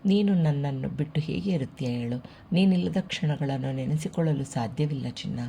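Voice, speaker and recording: A man's voice: on the high side, a little fast, vocal fry, warm tone, a little hiss or hum. A storyteller voicing a young husband from a family audiobook, pleading and petulant at being parted from his wife. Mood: tender. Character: young husband, lovesick and sulky.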